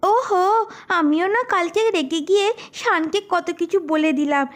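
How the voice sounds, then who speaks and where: A woman voicing a worried, soft-hearted young woman doll in a cartoon story. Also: extremely high pitch, moderate pace. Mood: fretful. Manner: anxious, fretting aloud.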